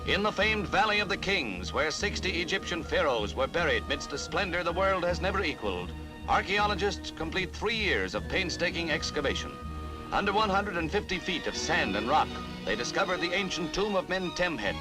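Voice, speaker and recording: A man's voice: fairly high pitch, very animated, normal speed, low-quality recording. A man narrating an old 1950s newsreel, played from archive, in a grand and dramatic announcer delivery. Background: music.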